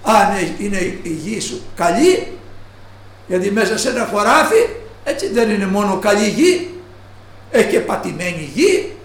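A man preaching a sermon who slows down and stresses each quoted line of scripture. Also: high voice, sing-song. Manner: slow, stressed quoting of scripture. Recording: echoey room.

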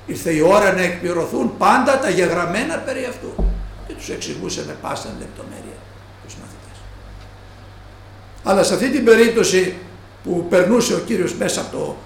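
Male preacher, high voice with a wide, lively range, slows to quote scripture. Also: gravelly, a little hiss or hum. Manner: slow, stressed quoting of scripture. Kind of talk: sermon. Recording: echoey room.

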